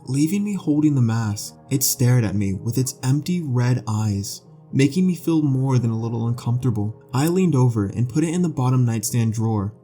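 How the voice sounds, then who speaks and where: A man narrating a scripted horror story with a slow, measured storytelling delivery. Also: mid-range voice, mellow. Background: faint background music.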